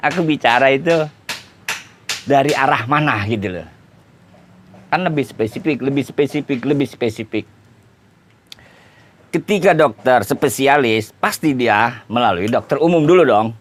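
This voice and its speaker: Male preacher, mid-pitched, conversational religious teaching. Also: animated, unhurried, pauses often. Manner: conversational, explaining with everyday examples and repeated tag phrases. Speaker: Islamic preacher. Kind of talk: informal religious lecture.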